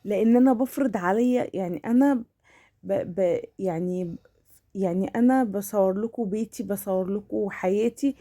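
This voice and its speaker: A woman's voice: medium pitch, moderate pace, mellow. A woman with an Egyptian Arabic accent giving a casual, chatty home-vlog voice-over, talking familiarly as if to family, with hesitant restarts and repeated words. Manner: familiar, addresses viewers as family. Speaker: home vlogger.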